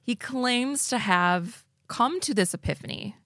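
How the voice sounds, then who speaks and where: A woman's voice: a little high, animated, unhurried, pushed and bright, dry recording, clean studio sound. A woman co-hosting a podcast recorded in an attic, telling a story in a casual, informal way. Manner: informal, swearing. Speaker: podcast co-host.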